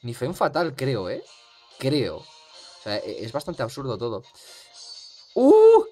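Chatty young gaming commentator. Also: male voice, mid-range voice, lively intonation, measured pace, soft background music. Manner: rambling, chatty, lots of fillers. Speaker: gaming youtuber. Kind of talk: casual gameplay commentary.

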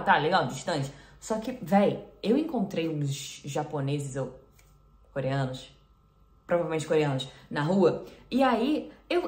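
Woman, casual vlog chat, lowish voice, slangy, echoey room. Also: a little mellow. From Brazil. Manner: chatty and slangy. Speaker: reaction video host.

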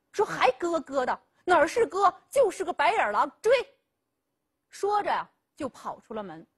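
Lively high-voiced woman storyteller. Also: breathy edge. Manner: lively storytelling, acting out dialogue with drawn-out 啊 pauses. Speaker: host and storyteller of a legal program. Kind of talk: dramatic storytelling lecture.

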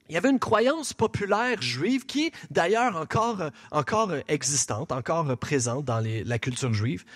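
A man preaching a sermon in a church with a Québécois French accent, animated and conversational, asking the congregation questions. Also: high voice. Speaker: pastor.

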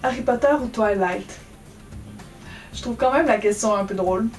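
A woman's voice: medium pitch, moderate pace, a little mellow, recorded from a distance. A young woman with an English accent, chatting casually and self-mockingly about books on her channel. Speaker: book vlogger. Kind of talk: casual book tag chat. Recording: from the mic, faint music behind. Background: faint background music.

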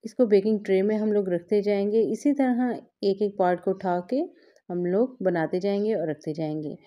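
A woman's voice: medium pitch, normal speed, lo-fi sound. A woman, patiently explaining a recipe step by step as she works at a home kitchen counter. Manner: patient, explains each step while working with her hands. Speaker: cooking vlog host. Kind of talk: step-by-step cooking instruction.

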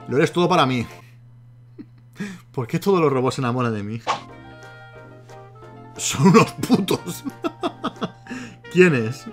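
A man with a Spain Spanish accent gives casual, chatty commentary as he chats with a bot. He giggles often and keeps breaking into laughter. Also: medium pitch. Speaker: YouTuber.

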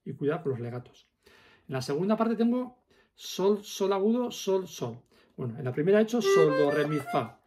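Patient man teaching accordion, slightly high voice. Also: sing-song, normal speed, a little mellow, soft background music. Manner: patient, explains bar by bar, counts beats aloud. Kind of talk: step-by-step music lesson.

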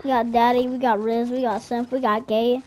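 A woman in a casual gaming chat who is loud and teasing and swears freely with her friend. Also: on the high side, flat delivery, moderate pace. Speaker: game player.

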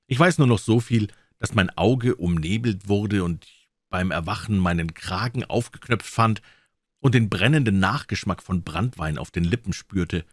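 A man's voice: fairly low pitch, normal speed, no echo, studio quality. A man narrating a classic detective story as an audiobook reader. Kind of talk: scripted narration.

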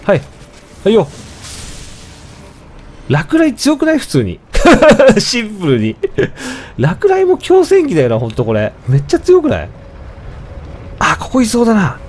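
A young man casually commenting on his own gameplay, chatting to himself with sudden excited outbursts. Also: sits high, unhurried, long pauses. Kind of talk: casual let's-play commentary.

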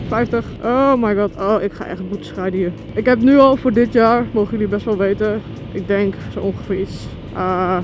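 Chatty woman vlogging from a scooter. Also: medium pitch. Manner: chatty and excitable, talking to viewers. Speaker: motovlogger. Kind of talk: casual chat while riding. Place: outdoors in city traffic on a scooter. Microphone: helmet mic. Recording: dull lo-fi helmet audio with music. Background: music.

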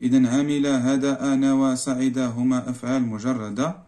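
A man with a Moroccan Arabic accent, a primary school teacher going through a worksheet and repeating each word slowly, drawn out for the pupils. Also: medium pitch, flat delivery, dark tone. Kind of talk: explaining a worksheet lesson.

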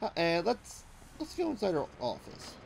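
Animated man doing casual gameplay commentary. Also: high-pitched, moderate pace, gravelly, a little hiss or hum, rough recording. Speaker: let's play host. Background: game music.

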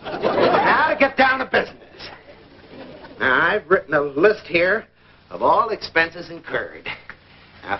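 A man's voice: sits high, vocal fry, heavily acted. An actor playing a self-important, glad-handing lodge chairman with an American accent in a mid-century radio comedy. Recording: dull, faintly noisy vintage radio recording.

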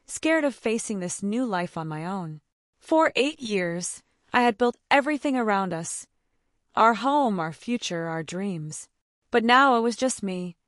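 A woman narrating a dramatic first-person story with steady tension. Her voice sits at an ordinary middle pitch. The sound is dry and close, with no room echo. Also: a little slow.

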